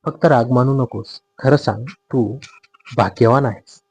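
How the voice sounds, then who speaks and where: A man's voice: mid-range voice, a little slow, a little mellow, husky. A man doing a blunt, coaxing woman friend. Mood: persuasive.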